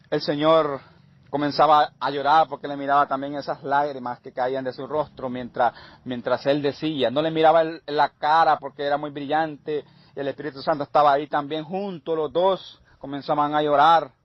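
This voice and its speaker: A man's voice: on the high side, little pitch movement, normal speed, dry recording, lo-fi sound. A man preaching and giving a testimony in an emphatic, fervent style. He repeats his phrases in a rhythmic chain. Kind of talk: sermon testimony.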